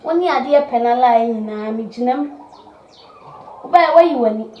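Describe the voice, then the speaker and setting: A woman's voice: a little high, moderate pace, reverberant, lo-fi sound, a little hiss or hum, lightly acted. An actress with a Ghanaian accent playing a bold young woman who keeps pressing a man with demands. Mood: insistent. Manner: insistent, pressing, argumentative.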